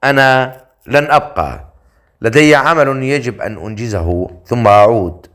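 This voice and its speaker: A man voicing a stern, confident male leader in an audiobook story, with a dry, measured delivery. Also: medium pitch, expressive, a bit bright, natural voice. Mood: calm. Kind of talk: audiobook character voice.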